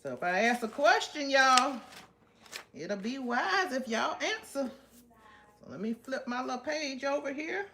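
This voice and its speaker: A woman's voice: high voice, animated, measured pace, bright, forceful tone. A woman hosting a casual live stream, chatting to viewers while she wraps gift baskets. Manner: chatty, talks to viewers while working, drawls some phrases. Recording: clear background noise with crinkling and clicks. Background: crinkling wrap and clicks from crafting.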